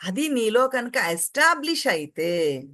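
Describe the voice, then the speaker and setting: A woman teaching in a calm spiritual discourse. She explains patiently, sometimes recites Sanskrit verses, and acts out short everyday quotes as examples. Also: a little high, unhurried. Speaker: spiritual teacher translating commentary.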